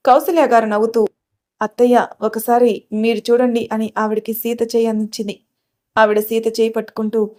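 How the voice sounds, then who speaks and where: A woman's voice: fairly high pitch, darkish tone. A woman reading a romantic family story aloud, voicing every character's lines in her own voice. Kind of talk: scripted narration of a love story.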